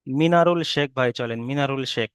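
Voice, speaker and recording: A man's voice: mid-range voice, brisk, smooth, dry recording, clean studio sound. A man teaching an online Arabic reading lesson with a Bengali accent, patiently spelling out letters and correcting students.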